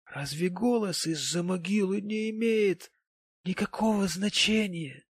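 A man voicing a tipsy, tearful, sanctimonious widowed gentleman, talking in a maudlin, slurred, pompous way in an audiobook. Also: on the high side, slow pace, no echo, studio quality, voice pushed up.

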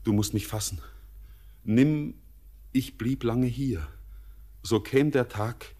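Voicing a haunted, yearning young stranger for a classic radio drama, a male actor declaims poetic lines solemnly and intensely. His husky, mellow voice is mid-range, and he takes it slowly.

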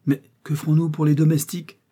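A man's voice: on the high side, completely flat delivery, fast talker, warm tone, breathy edge, pitched above the performer's own voice. A man voicing an anxious elderly housekeeper, a woman who talks in a fretful, worried way.

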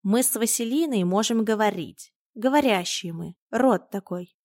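A woman voicing a proud, protective talking male tomcat in a storybook reading, loud and hissing. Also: mid-range voice, lively intonation, moderate pace, no room sound, clean studio sound. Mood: earnest.

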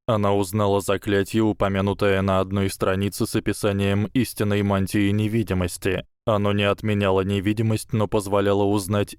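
Man reading an audiobook, lowish voice, calm and steady, dry close mic. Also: smooth, no echo. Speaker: audiobook narrator. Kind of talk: scripted audiobook narration.

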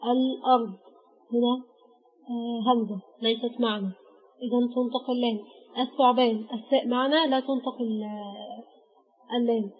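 A woman with an Egyptian accent teaching an Arabic grammar lesson, patiently naming letters one by one with pauses. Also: on the high side, steady tone, slightly rough. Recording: dull lo-fi recording.

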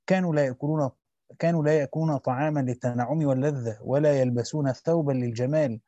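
A man reading a classical Quran commentary aloud in a steady scholarly way, often repeating a phrase to correct himself. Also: mid-range voice, dry recording, dull audio.

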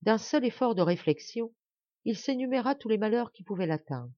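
A woman narrating a classic novel as an audiobook, in an expressive, dramatic reading. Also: on the high side, normal speed, dry recording, highs cut off. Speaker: audiobook reader.

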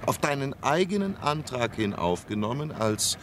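A man's voice: medium pitch, very animated, moderate pace, background noise, close to an everyday voice. An actor playing a sceptical, down-to-earth man in a radio play, dry and mocking in his delivery. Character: sceptical, sardonic male friend of the writer. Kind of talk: radio play acting and narration.

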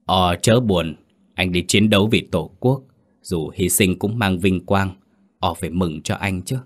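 A man's voice: deep voice, measured pace. Man voicing a dutiful soldier's ghost. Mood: gentle, resigned. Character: dead male soldier's ghost, dutiful, gentle.

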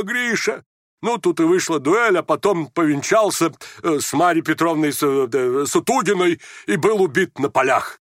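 A man voicing a distraught old drunken army general who rants in slow, stammering, theatrical exclamations. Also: high-pitched, fairly bright tone, dry recording, clean studio sound, pitched above the performer's own voice, heavily acted. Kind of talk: audiobook character voice.

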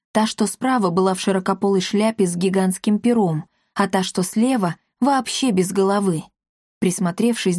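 A woman reading a fairy-tale audiobook with expressive storytelling. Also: mid-range voice, dry recording, studio quality. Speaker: audiobook narrator. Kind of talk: scripted narration.

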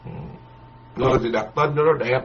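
A Buddhist monk gives a dharma lecture in a medium-pitched voice at a fairly quick pace. His delivery is folksy, emphatic and repetitive, packed with proverbs. The recording is dull and lo-fi.

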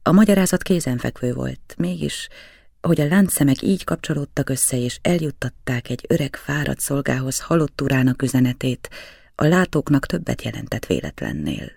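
A man reading a novel aloud in measured, even storytelling narration. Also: mid-range voice, vocal fry, dry recording, studio quality. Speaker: audiobook reader.

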